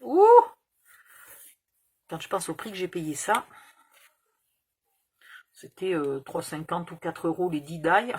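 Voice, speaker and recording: A woman's voice: fairly low pitch, wildly swooping pitch, slow, pauses often, slight background noise. A woman in her fifties hosting a crafting tutorial, chatting casually and rambling through a story with casual swearing. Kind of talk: casual chat while crafting.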